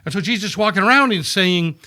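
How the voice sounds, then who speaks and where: A man explaining scripture in a casual podcast chat, animated and storytelling, often checking in with "right?". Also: high-pitched, fast. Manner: animated storytelling, acts out quoted voices, frequent "right?" checks. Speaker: podcast guest discussing scripture. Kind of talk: casual conversational Bible teaching.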